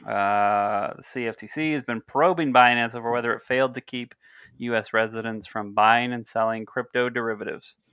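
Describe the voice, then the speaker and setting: A man in his thirties hosts a podcast over a video call from a room at home, using a headset mic; his voice is mid-range, steady, fairly bright and smooth, at a normal speed. He chats in a loose, rambling way and reads news and sponsor copy aloud with small slips. The recording is dry, with clean studio sound.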